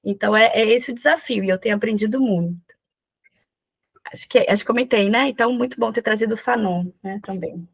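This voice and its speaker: High, gravelly woman lecturing with animated flair. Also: a little fast, no echo. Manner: animated, conversational, often asks the group for agreement. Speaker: psychoanalyst and lecturer. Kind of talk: lecture in an online discussion forum.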